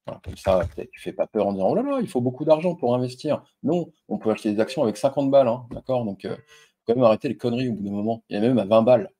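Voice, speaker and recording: A man's voice: fairly low pitch, quick pace, dark tone, slight background noise. A man hosting an investing video, talking casually and directly to the viewer with lots of fillers and crude slang. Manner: loose and chatty, frequent fillers and crude slang; addresses viewer directly and informally. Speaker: stock investing video host. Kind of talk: casual screen-share investing explainer.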